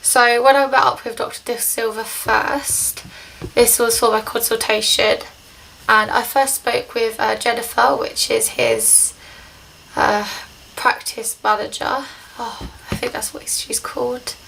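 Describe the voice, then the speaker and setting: A woman's voice: fairly high pitch, steady tone, a little slow, vocal fry, fairly bright tone, a little hiss or hum, rough recording. A young woman talking hesitantly in a casual video diary, short of breath and congested just after nose surgery. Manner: hesitant, rambling.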